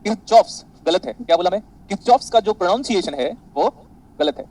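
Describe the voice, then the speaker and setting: A man teaching an online physics class, animated and boastful, quizzing his students constantly. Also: high-pitched, moderate pace, rough recording.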